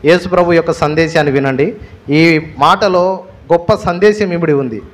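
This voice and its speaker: A man's voice: on the high side, moderate pace. A male pastor with a Telugu accent preaching a sermon, stressing his points with repeated phrases and rhetorical questions. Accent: Telugu, Andhra Pradesh.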